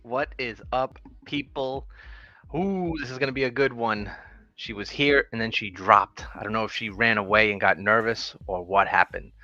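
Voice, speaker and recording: A man's voice: on the low side, normal speed, pushed and bright, dull audio. Upbeat joking New York man hosting. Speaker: host. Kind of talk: casual livestream interview.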